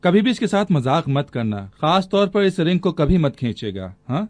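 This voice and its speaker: A man's voice: on the high side, sing-song, moderate pace, darkish tone, dry recording. A man dubbing a young soldier who explains weapons drill step by step. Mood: instructive. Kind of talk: film dub.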